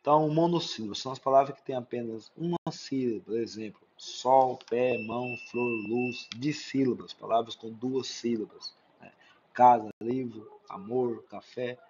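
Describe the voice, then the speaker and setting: A Brazilian man delivers a recorded lesson, working through lists of example words and pausing to ask "né?". His voice sits at an ordinary middle pitch. The recording is a little dull, with faint noise behind him. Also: a little mellow. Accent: Brazilian Portuguese. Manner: explains with many examples and frequent "né?" checks. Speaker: teacher. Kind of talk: recorded exam-prep lesson.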